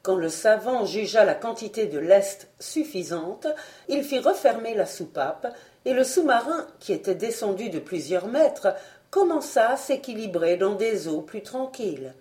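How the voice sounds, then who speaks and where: Female audiobook narrator, lively and melodic, measured expressive delivery of classic adventure prose. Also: mid-range voice. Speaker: audiobook reader. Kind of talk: scripted narration.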